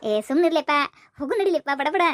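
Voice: slight background noise, close to an everyday voice. A voice actor playing a cheeky, lazy village boy who is always hungry, speaking with a North Karnataka Kannada accent in a cartoon. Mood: eager. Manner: quick, high and squeaky, bickering. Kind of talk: cartoon voice acting.

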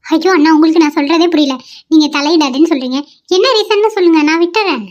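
A woman's voice: very high-pitched, fast, lo-fi sound. A woman voicing an indignant young wife in a cartoon, scolding her brother-in-law. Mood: reproachful. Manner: indignant, reproachful.

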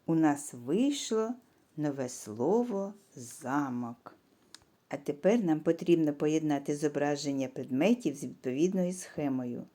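A woman teaching young children. She is patient, asks simple questions and leaves pauses for answers, and she stretches words out syllable by syllable. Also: low voice, animated, mellow. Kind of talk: slow, clear lesson for young children.

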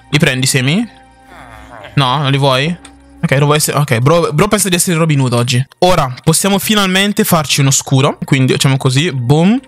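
Jumpy gamer guy. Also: a little high. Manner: jumpy, yelps and shouts at scares, lots of slang. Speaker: gaming YouTuber. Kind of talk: Minecraft horror let's play commentary.

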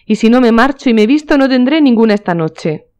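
A woman's voice: a little high, animated, fairly quick, a little mellow, close to an everyday voice. A woman voicing a playful, flirtatious aristocratic duchess in a storybook reading, with a teasing, coquettish manner.

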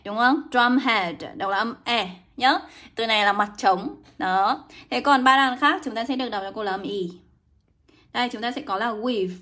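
Calling out to viewers by name as she goes, a young woman teaches English on a livestream. She talks at a brisk clip in a bright, slightly high voice that gently coaxes her audience along.

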